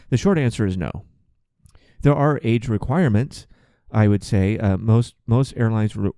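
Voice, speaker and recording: A man's voice: fairly low pitch, warm tone, dry recording, clean studio sound. A man around forty hosting a podcast, telling stories in a chatty, profane, comic way with frequent restarts. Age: 40s. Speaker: podcast host and flight attendant. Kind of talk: casual comic monologue.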